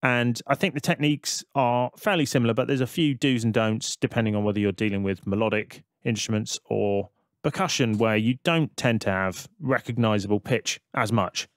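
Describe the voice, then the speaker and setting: A man narrates a software tutorial casually, talking through each step like a tutor over a screen recording. His middle-pitched voice is recorded close and dry with no room sound, at a moderate pace with few pauses.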